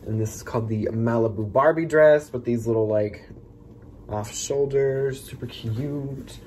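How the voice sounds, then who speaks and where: A man's voice: mid-range voice, a little slow, a little mellow, a little hiss or hum. A man in his twenties with an American accent, co-hosting in casual chat and speaking toothless, without his teeth in. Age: 20s. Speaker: co-host. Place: small plain room indoors.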